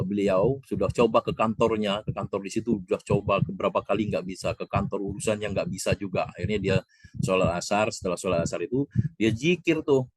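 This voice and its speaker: A man's voice: no echo, low-quality recording. A man, telling a personal story at a religious gathering and acting out the people in it with a raised voice. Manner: acts out quoted speakers in a higher voice.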